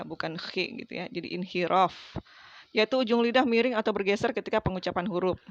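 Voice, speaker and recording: A woman's voice: fairly low pitch, dry recording, lo-fi sound. A woman teaching Quran pronunciation in a casual lesson, demonstrating letter sounds between many fillers.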